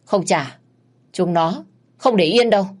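A woman's voice: medium pitch, unhurried, lightly acted. A woman voicing a lazy, spineless husband who whines and defends himself. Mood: defensive.

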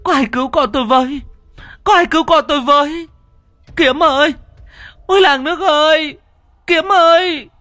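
A man voicing a desperate middle-aged village mother who wails and cries out in a high voice, in a ghost story. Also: moderate pace, long pauses, bright, forceful tone, dry recording, faint music behind. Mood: frantic wailing. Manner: wailing, frantic high cries.

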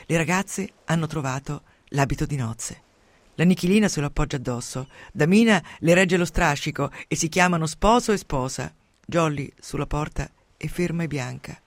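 A man reading a novel aloud in a dramatic, expressive way, sinking to hushed tones at tense moments, into a close studio microphone. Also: on the high side, moderate pace, no room sound. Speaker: reader. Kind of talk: dramatic audiobook narration.

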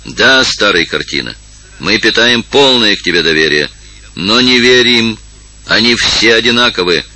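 A man reading aloud and voicing a vengeful male rebel villager who shouts defiantly. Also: fairly low pitch, moderate pace, exaggerated voice, rough recording. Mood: furious.

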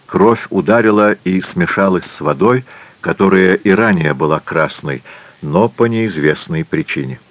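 A man narrating an adventure audiobook in a steady, measured reading. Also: low-pitched, no echo. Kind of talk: scripted narration.

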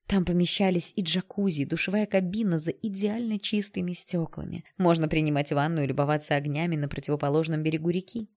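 Audiobook narrator: woman, low voice, mellow tone, expressive first-person reading. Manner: expressive, emotional storytelling.

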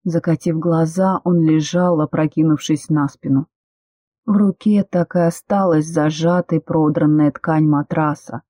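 Mellow husky audiobook narrator. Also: medium pitch, no echo, clean studio sound. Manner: steady, measured storytelling.

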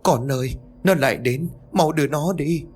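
Male narrator doing a frightened elderly grandmother in a spoken ghost story, raised pitch, pleading and panicky. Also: moderate pace, breathy edge, soft background music. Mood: panicked.

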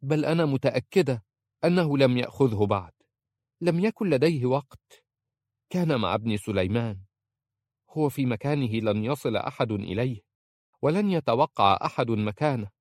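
A desperate young wife, as a male narrator puts her on, her voice lifted high and pressing. She pleads urgently, in a dry, close storybook reading. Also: a little mellow, dry recording.

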